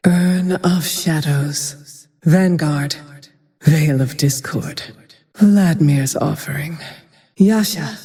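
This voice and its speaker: A woman voicing a grim, vengeful, haunted female ranger hero in a fantasy game, with terse, brooding, breathy lines. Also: low-pitched, mellow, faint music behind, exaggerated voice. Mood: cool, terse. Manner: measured, terse, brooding delivery. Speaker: video game voice actor. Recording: long reverb on the voice.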